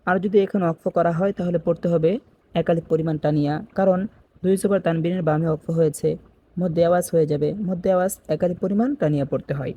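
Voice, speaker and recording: A man teaching Quran reading, spelling out letters slowly and repeating each word for beginners. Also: fairly high pitch, steady tone, muffled recording. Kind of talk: step-by-step spelling lesson.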